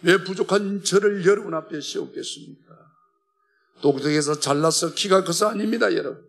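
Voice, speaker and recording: A man with a Gyeongsang accent, a church elder giving an emotional testimony in a worship hall, passionate and swinging from loud to hushed. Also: high-pitched, moderate pace, creaky. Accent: Gyeongsang Korean.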